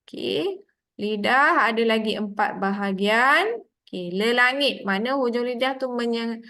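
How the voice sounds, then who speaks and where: A woman's voice: on the high side, unhurried, pushed and bright. A woman with a Malaysian Malay accent teaching a tajweed class, explaining sounds patiently step by step. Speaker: Quran recitation teacher. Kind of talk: online tajweed lesson.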